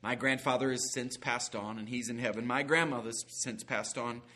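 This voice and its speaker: A man's voice: medium pitch, steady tone, normal speed, pushed and bright. A man preaching a sermon in an earnest, folksy way, sometimes acting out quoted voices. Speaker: guest preacher.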